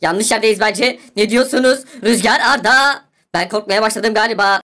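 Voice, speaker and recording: A woman's voice: fairly high pitch, moderate pace, bright, forceful tone. A woman voicing an anxious, whiny boy who keeps protesting and wants to go home. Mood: worried.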